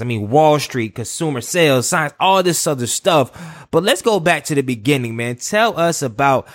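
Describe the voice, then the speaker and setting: A male podcast host with a medium-pitched voice talks loosely, circling back and restarting his thoughts. The sound is dry and close. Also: no echo. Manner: rambling, many restarts and asides. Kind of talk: casual interview talk.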